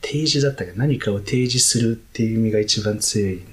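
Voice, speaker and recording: A man's voice: on the low side, fast talker, a little mellow. A man who is a guest on a casual podcast, explaining things in detail. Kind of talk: casual chat.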